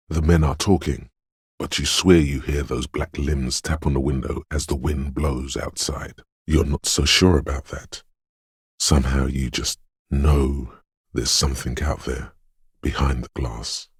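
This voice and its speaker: Captured on a close, dry studio mic with no echo, a man gives a full character performance as the brooding, dreamlike voice of intuition in a video game. He speaks slowly and hushed in a portentous, theatrical way, his very deep, husky voice rumbling with a gravelly whisper, all ominous and mysterious.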